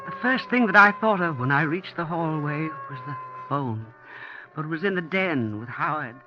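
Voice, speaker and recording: Over background music in a muffled 1940s radio broadcast, an actress with a low, expressive voice and moderate pace plays a genteel, motherly middle-aged widow whose two sons serve in the forces. As narrator and lead, she recounts her ordeal in a hushed recollection, terrified and growing frantic.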